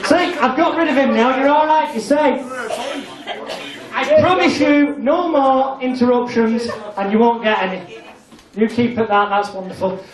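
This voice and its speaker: A man's voice: very high voice, measured pace, far from the mic, a crowd in the background. A British man working as a stage hypnotist and comedy show host, with chatty, sweary, matey banter over a handheld microphone. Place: function room with live audience. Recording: echoey amateur camcorder recording, noisy audience.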